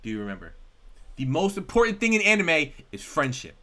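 A man co-hosting a podcast in casual chat, excitable and rambling, swearing often. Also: a little high, a little fast. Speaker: podcast co-host.

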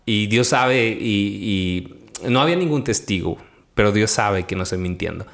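A man, hosting a devotional podcast and telling a personal faith story in a lively conversational way. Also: fairly low pitch, moderate pace, vocal fry. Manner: animated storytelling, quotes his own prayers. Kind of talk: conversational testimony.

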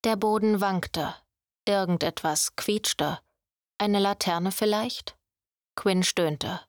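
A woman's voice: medium pitch, takes it slowly, no echo. Woman narrating a fantasy audiobook, dry studio sound. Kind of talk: scripted narration.

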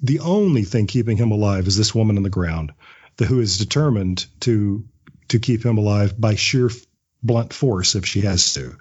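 A man with a lowish, darkish, husky voice speaks at a moderate pace on a muffled recording. He's being interviewed as an audio drama writer and voice actor, talking thoughtfully and conversationally and performing imagined lines as he explains.

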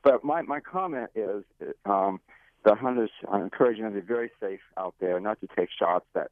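A middle-aged or older man phoning a radio show, speaking earnestly and haltingly. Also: on the low side, dry recording. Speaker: radio phone-in caller. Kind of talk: unscripted call-in comment. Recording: narrow, tinny phone line.

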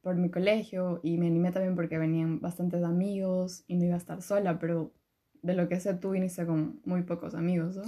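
With a lowish, level voice and a dark tone, a young woman from Ecuador chats a little fast on her casual podcast, recorded in Germany with no room sound. She muses about living independently as a student, leaning heavily on fillers.

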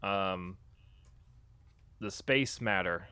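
A man co-hosting a comedy podcast, giggly and lively in casual chat. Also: low voice, drawn-out words, smooth, dry recording. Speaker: podcast co-host.

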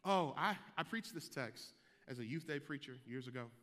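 A pastor preaching a sermon with passion, moving from hushed tones to shouts, with rhythmic repetition, interjected hallelujahs and joking asides. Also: male voice, medium pitch, expressive, moderate pace. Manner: casual, joking asides to the congregation. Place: church sanctuary. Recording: long hall reverb.

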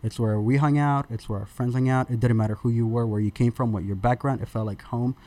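A man in his thirties, born in Sudan, who tells the story of starting his podcast as a guest on an interview show, speaking in a relaxed, conversational way with many fillers and restarts. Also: mid-range voice, quick pace.

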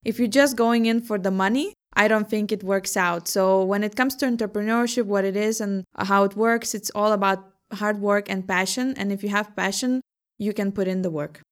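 A young woman from Lithuania talks through her work as an entrepreneur in an interview. She answers in a measured, thoughtful way and laughs easily, with a voice of middling pitch for a woman. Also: fairly even intonation.

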